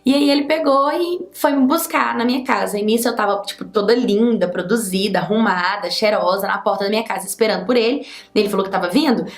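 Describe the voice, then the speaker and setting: A woman's voice: medium pitch, fast talker, hardly any pauses. A young woman with a Brazilian accent telling a personal story in a chatty, emphatic way. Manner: chatty, emphatic, many fillers. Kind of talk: casual storytime. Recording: echoey room.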